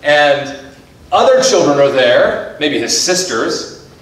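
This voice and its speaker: A man's voice: a little high, very animated, takes it slowly, very echoey, distant mic, poor audio. A man preaching a sermon as pastor of a church, talking in a conversational way and acting out everyday voices. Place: church sanctuary.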